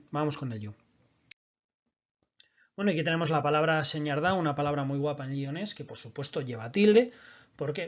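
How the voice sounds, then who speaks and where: A man's voice: mid-range voice, highs cut off. A man teaching a recorded online language lesson, explaining patiently and often checking that his listeners follow.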